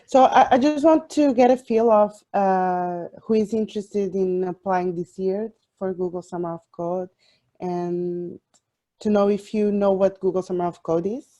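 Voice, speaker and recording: A young woman from Portugal, a software developer, giving an online talk with many fillers and restarts. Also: medium pitch, a little slow. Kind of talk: online presentation.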